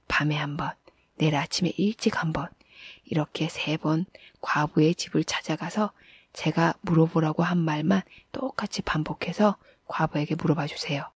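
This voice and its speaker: Young bachelor in a folktale, sly, eager, wheedling; husky woman playing the part. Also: low voice, dry recording, studio quality.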